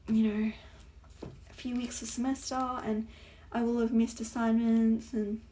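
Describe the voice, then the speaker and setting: A young woman talks through her week in a relaxed, rambling way, full of ums and likes, her voice sitting a touch high. Now and then she slips into a whisper as she works. Faint noise hums under the recording. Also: a little slow. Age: young adult. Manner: rambling, chatty, many fillers, drops to whispers while working. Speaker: planner vlogger. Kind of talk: casual plan-with-me chat.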